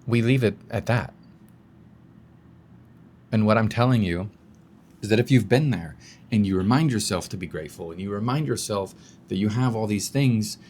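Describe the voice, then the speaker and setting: Low-voiced man coaching casually. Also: darkish tone, a little hiss or hum. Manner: conversational, guides listener through exercises, occasional swearing. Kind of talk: casual spoken self-help talk.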